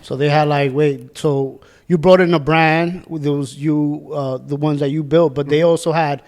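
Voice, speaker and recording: A man hosting a casual interview, tossing in informal questions and short reactions. His voice sits a little high, and the recording carries a long reverb tail. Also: steady tone, darkish tone. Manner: informal, prompting questions, quick backchannels. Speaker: podcast host.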